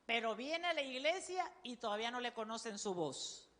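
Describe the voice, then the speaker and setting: A woman pastor with a Panamanian Spanish accent, preaching a sermon in a loud, forceful voice that calls on the congregation to repeat after her. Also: fairly high pitch, animated, normal speed, long reverb tail.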